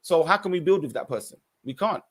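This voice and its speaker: A man's voice: fairly high pitch, animated, fast, breathy edge. A man hosting a podcast, reading out viewer comments and giving his own earnest, opinionated responses, sometimes restarting as he reads. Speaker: podcast host.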